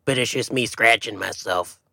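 A man performs a touchy, silly possum, a wild animal who serves as sidekick and co-host on a comedy podcast, trading comic banter. His full character voice is gravelly and muppet-like, lowish, pushed and bright, at a normal speed, with a folksy, indignant manner. The mood is silly and cheerful, and the clean studio sound has no echo.

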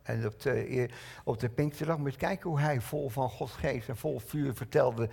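Older male preacher, gravelly and husky. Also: mid-range voice, moderate pace. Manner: lively, talks straight to the listeners with many rhetorical questions. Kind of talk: sermon. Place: church hall.

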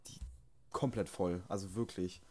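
A man's voice: low-pitched, steady tone, darkish tone. A man, joking around in crude, slangy casual banter as a podcast co-host. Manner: slangy, joking, drawn-out delivery.

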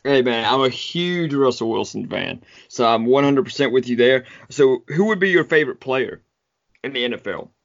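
Friendly American podcast host, lo-fi. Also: male voice, medium pitch, lively intonation, moderate pace, creaky. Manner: friendly, says man often. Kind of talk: casual podcast interview. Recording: dull lo-fi sound.

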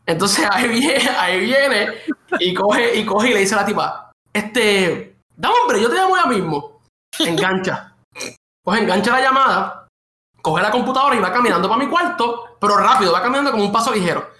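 A man telling a story casually, animated and full of swearing. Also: sits high, normal speed. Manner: animated, swearing, laughing narration. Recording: echoey room.

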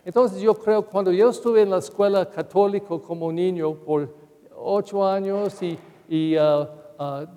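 Older male parish priest for a Sunday homily: unhurried, anecdotal storytelling in a fairly high, mellow voice, church echo.

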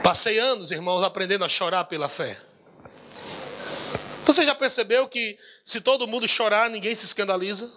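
A man preaching a sermon with fervor, laughing often and breaking into shouts. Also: sits high, lively intonation, moderate pace, noisy background. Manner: fervent, laughing, bursts into shouts.

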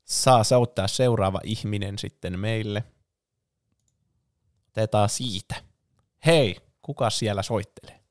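A man's voice: fairly low pitch, pauses often, no echo, studio quality. A Finnish man co-hosting a live call-in stream, teasing and upbeat as he runs a guessing game. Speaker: podcast co-host.

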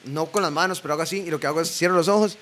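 A young Costa Rican man with a Costa Rican accent, a podcast guest telling animated stories full of filler words and sound effects. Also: a little high, very fast. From Costa Rica. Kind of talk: casual chat.

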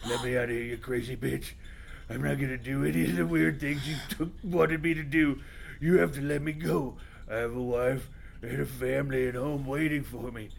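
Man playing creaky, pleading old captive. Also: steady tone, normal speed. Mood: desperate, protesting. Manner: whining, pleading, repetitive. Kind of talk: improvised comedy scene. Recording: faint rumbling background noise.

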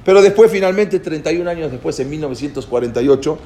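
A man giving an informal history lecture, halting and repeating words as he goes and often checking in with his listeners. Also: fairly high pitch, animated, mellow. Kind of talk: informal spoken lecture with storytelling.

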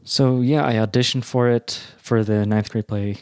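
A man talking as a guest in an interview, animated and quick, speaking in bursts. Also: medium pitch, clean tone, dry recording. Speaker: guest artist. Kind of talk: conversational interview.

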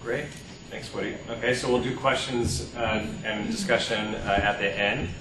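A man moderating a conference panel, relaxed and unhurried. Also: fairly low pitch. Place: conference hall. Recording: distant, roomy, noisy hall.

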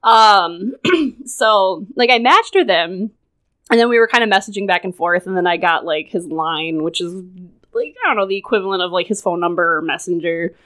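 A native English-speaking woman, guesting on a casual podcast, tells a personal story in a loose, chatty way. Her voice is on the low side and fairly bright, at normal speed, and she says "like" a lot and laughs often.

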